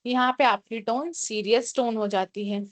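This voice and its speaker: A woman teaching a class, explaining each point in Hindi and reading English definitions out slowly. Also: fairly high pitch, fairly even intonation, dry recording. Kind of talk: classroom lecture.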